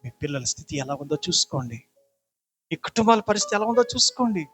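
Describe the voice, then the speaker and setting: A middle-aged male pastor preaching in church, his voice sitting a little high for a man. He delivers the sermon with fervent intensity, building to loud, repeated appeals in prayer. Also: big pitch swings, quick pace, faint music behind, rough recording. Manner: impassioned preaching, swelling to loud repeated pleas.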